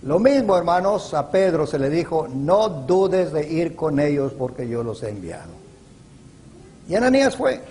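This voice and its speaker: A man preaching a sermon in a slow, emphatic way, with stressed words that rise sharply. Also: a little high, expressive, mellow, a little hiss or hum. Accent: Latin American Spanish.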